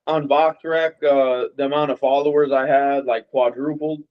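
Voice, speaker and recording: Dull lo-fi audio carries the relaxed talk of a young Las Vegas boxer, USA-born, being interviewed in a casual chat. His voice sits at medium pitch and his pace is moderate as he rambles, leaning heavily on fillers.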